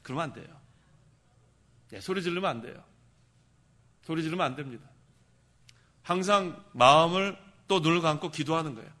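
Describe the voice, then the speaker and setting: A male pastor delivers a sermon in a bright, slightly high voice. He keeps quizzing the congregation and then supplies the answers himself. His loud emphatic bursts fall away to quiet remarks. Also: normal speed, pauses often. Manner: animated, asks the congregation questions and answers them himself; shouts for emphasis, then drops low.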